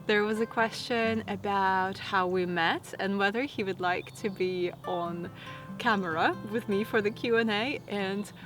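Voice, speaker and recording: A thirty-year-old woman with a light Latvian accent speaks slowly and gently, as if confiding in a friend. Her voice sits in an ordinary middle register. Faint music plays under her voice, recorded outdoors by an old wooden fence. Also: medium pitch. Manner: soft, unhurried and reflective, with light laughs. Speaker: vlogger. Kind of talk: calm Q&A talking to camera.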